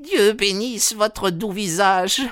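Man doing old housekeeper woman, hysterical, shrill high voice, pleading, dry close audiobook sound. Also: takes it slowly, fairly bright tone, smooth, dry recording. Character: hysterical old female housekeeper, worn and frightened. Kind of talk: audiobook reading.

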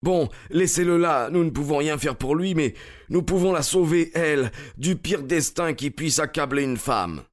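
A frantic young bearded man in an audiobook, as a male narrator puts him on, shouting in a strained voice pushed far up in pitch. He sounds desperate and on edge, each line thrown out loud and urgent. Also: normal speed, close to an everyday voice. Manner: shouting, high-pitched outbursts. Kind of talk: audiobook character reading.

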